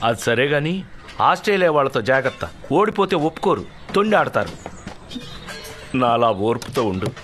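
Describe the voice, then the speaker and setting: A man's voice: brisk, pauses often, faint music behind. An actor playing a proud middle-aged father, speaking with emotion as he cheers on his daughter. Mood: warm, joking. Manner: emotional, proud and rousing, with lively swings in pitch. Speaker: father of a cricketer. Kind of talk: dubbed film dialogue.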